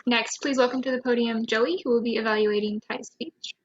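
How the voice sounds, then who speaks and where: A woman's voice: a little high, steady tone, brisk. A woman introducing the next speakers at an online meeting in a matter-of-fact way. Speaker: general evaluator introducing speakers. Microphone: computer mic on a video call. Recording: dull, dry lo-fi call audio.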